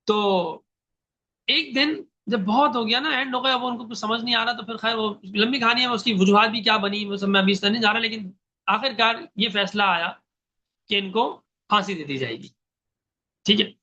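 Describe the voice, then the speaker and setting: A man's voice: sits high, bright, forceful tone, muffled recording. A young man teaching a Quran commentary class, telling a story earnestly and putting questions to his students. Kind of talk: religious class lecture, storytelling.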